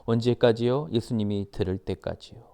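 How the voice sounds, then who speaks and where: A man preaching a sermon, reading scripture and explaining it in slow, emphatic, repeated phrases, sometimes dropping to a whisper. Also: on the low side, gravelly, mellow. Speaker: missionary preacher.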